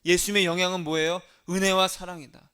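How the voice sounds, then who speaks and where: A male pastor with a high-pitched voice delivers a sermon. He keeps asking his listeners questions and answering them. His delivery rises to loud emphasis and drops to soft, low asides. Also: flat delivery, fast, clear, resonant tone. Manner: asks the congregation questions and answers them himself.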